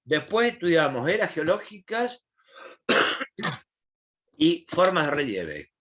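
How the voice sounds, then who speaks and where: A man's voice: fairly high pitch, very animated, slow pace, fairly bright tone, muffled recording. A man with an Argentine accent teaching an online class, asking questions and explaining in a colloquial way. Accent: Argentine Spanish.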